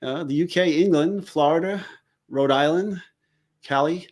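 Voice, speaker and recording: Joking New man, slightly high voice. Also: measured pace, a little mellow. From New York. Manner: jokey, riffs on place names. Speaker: forensics guest. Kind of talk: casual live-stream chat.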